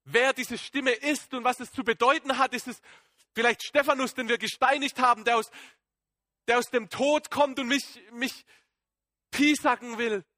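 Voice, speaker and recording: A man acting out a fervent apostle in a dramatic sermon monologue. The voice sits high and bright, in a dry, close sound. He talks in halting bursts of excitement that fall into hushed awe. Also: no room sound. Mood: awed, fervent. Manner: emotional and halting, swinging between excited outbursts and hushed awe. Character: Apostle Paul as a man, shaken and fervent, recounting his conversion.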